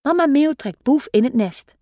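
A woman reading a children's story aloud in a lively, expressive way. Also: high-pitched, moderate pace, dry recording. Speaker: storybook reader.

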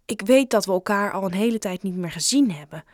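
A woman's voice: mid-range voice, lively intonation, a little fast, no room sound, clean studio sound, natural voice. A woman voicing a timid, lonely schoolboy who speaks hesitantly in a read-aloud story.

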